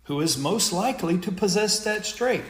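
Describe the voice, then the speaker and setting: A man voicing a confident young woman lecturer who explains things calmly and politely. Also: high-pitched, moderate pace, voice pushed up. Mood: poised, explaining. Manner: poised, matter-of-fact explaining. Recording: echoey room.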